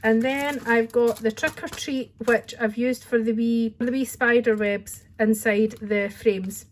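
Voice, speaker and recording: A Scottish woman chats casually at her craft desk while leading a card-making tutorial, friendly and rambling, and says "wee" often. Her voice is a little high, steady in tone and a little slow.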